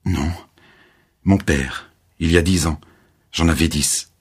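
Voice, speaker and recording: Calm young woman writer in an audiobook story, man reading her, low husky voice lifted a little. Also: takes it slowly, full character voice. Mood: earnest.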